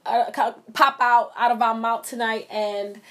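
A woman's voice: fairly high pitch, fairly even intonation, unhurried, fairly bright tone. A young woman co-hosting a podcast in loose, casual chat, laughing often. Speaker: podcast co-host.

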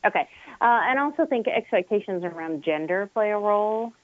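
A woman guest sociologist speaking in a measured, explanatory way on a radio interview, her phone line cutting in and out. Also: mid-range voice, lively intonation, no room sound. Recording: tinny phone line, dropping out.

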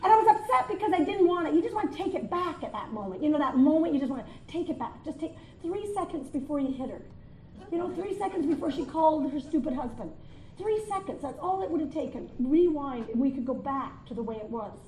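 A woman's voice: sits high, expressive, quick pace, darkish tone, a little hiss or hum. A woman doing a stand-up comedy routine, telling a story and acting out both sides of each conversation. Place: live venue with audience. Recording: echoey room with crowd.

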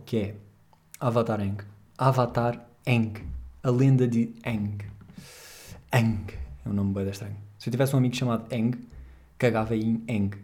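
A man's voice: lowish voice, warm tone. A young man with a European Portuguese accent, hosting a podcast in a rambling, jokey, slangy way. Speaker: podcast host. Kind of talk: casual podcast chat.

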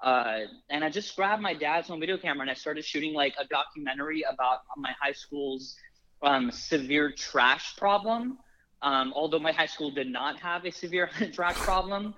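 A man's voice: on the high side, moderate pace, bright, forceful tone, dull audio. A young man from Los Angeles telling stories casually, with many likes and restarts. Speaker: film producer. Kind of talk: casual storytelling.

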